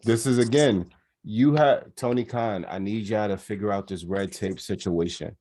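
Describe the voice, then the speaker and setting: Young male co-host, low voice, animated casual wrestling chat. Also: normal speed. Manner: animated, mocking asides in a high put-on voice. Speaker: podcast co-host.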